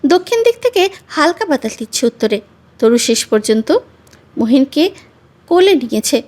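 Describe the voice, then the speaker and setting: Reading a love story from a script, this high-voiced woman keeps an even, expressive pace. She carries the listener from one scene to the next without hurry.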